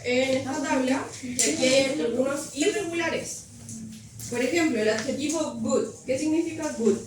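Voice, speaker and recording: Woman, high voice, patient classroom teacher, heard from afar in a noisy room. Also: moderate pace. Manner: patient, checks understanding with frequent questions. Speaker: English teacher. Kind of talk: classroom grammar explanation. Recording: echoey classroom from far off, noisy.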